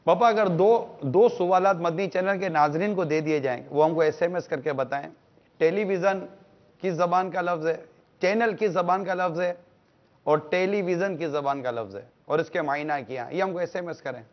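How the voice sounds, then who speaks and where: A man's voice: fairly high pitch, dull audio. Man co-hosting, announcing to viewers. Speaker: co-host. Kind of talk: religious TV talk show.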